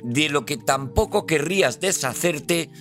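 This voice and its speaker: Lively, bright-voiced Spanish male host. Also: on the high side, a little slow, soft background music. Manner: lively, teasing, sing-song at times. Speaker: podcast host. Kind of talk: casual comedy chat.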